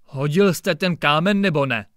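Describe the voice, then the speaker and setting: A man's voice: a little high, fairly bright tone, no room sound, clean studio sound, close to an everyday voice. A man doing a barking irritable judge. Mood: scolding. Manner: barking, scolding outbursts. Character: irritable blustering male district judge, middle-aged.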